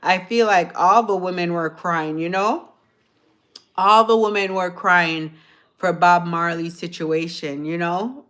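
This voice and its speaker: Woman, livestream host, lowish voice, slow rambling chat, sounds tired. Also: steady tone, a bit bright. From Jamaica. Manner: chatty, rambling, repeats herself. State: tired from a late night. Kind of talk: casual chat with viewers.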